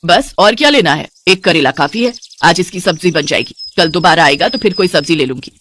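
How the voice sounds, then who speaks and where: A woman's voice: on the low side, lively intonation, a little fast, a bit bright, a little hiss or hum. Woman doing a stingy, scolding old mother-in-law. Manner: scolding, penny-pinching.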